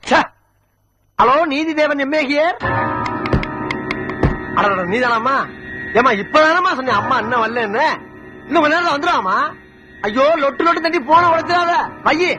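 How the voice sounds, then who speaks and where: A man's voice: very high voice, animated, moderate pace, pauses often. An actor playing a fussy middle-aged man in a film comedy, grumbling and exclaiming in exasperation. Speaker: comic film character. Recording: film soundtrack with loud music.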